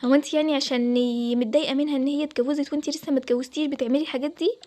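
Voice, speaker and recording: Young groom caught in the middle, a woman doing his voice, placating, Egyptian accent, quick talk. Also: sits high, steady tone, mellow, lightly acted. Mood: scolding. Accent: Egyptian Arabic. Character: young groom, torn and soothing.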